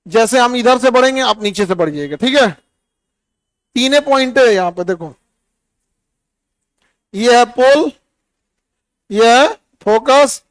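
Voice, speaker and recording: A middle-aged man teaches a classroom physics lesson in a very high voice. He quizzes his students one by one and teases them. The sound is dry and close, with almost no room echo. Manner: teasing, quizzes students by name.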